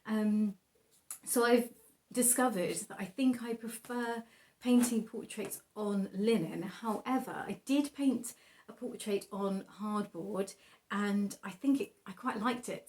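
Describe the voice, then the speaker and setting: A young woman talks casually, as a painter would to viewers of a personal vlog. Her voice sits at an average female pitch. She rambles through hesitant asides with a giggly, self-deprecating manner. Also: unhurried, darkish tone. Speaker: painter presenting own artwork.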